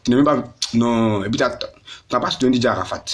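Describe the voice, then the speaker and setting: A man talks to camera in his own vlog, voice sitting in a middle register. He hammers the same words again and again, pushing up in bursts and then sinking back low. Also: quick pace. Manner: repetitive, exhorting, rising and falling in bursts. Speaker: fan video host. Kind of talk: impassioned vlog monologue addressing a grieving friend.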